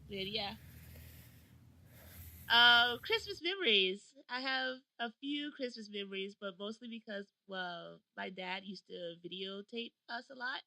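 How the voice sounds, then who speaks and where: A young woman co-hosting a podcast, telling stories in a giggly, animated way. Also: mid-range voice, unhurried, no room sound, rough recording. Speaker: podcast co-host. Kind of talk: casual chat. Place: South Korea.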